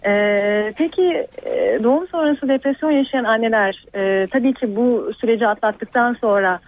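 A woman calling in to a radio show over a landline phone, asking her question with many hesitant pauses. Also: a little high, dry recording. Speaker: caller. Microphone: telephone. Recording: narrow phone line.

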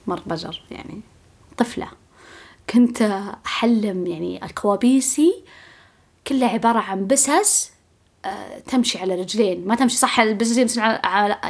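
A woman's voice: mid-range voice, breathy edge. A woman with a Saudi Gulf accent telling a casual story to her viewers. She talks in a chatty way, repeats herself often and sometimes drops to a whisper. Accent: Saudi Gulf Arabic. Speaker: vlogger.

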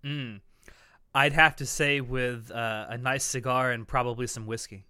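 A man's voice: mid-range voice, steady tone, a little slow, pushed and bright, smooth, no echo, studio quality. A man in casual game chat, playing along and often thinking aloud. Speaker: player in a dating guessing game.

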